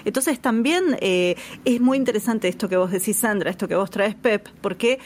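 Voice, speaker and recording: A woman's voice: medium pitch, moderate pace, a little mellow, slight background noise. A woman, reflectively commenting in a casual discussion. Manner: reflective, hesitant with fillers. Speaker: guest commentator.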